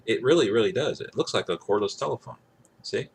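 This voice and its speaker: A gadget reviewer demos a product to camera casually, rambling and repeating himself for emphasis. His mid-range voice is animated and a little fast, with clear background noise.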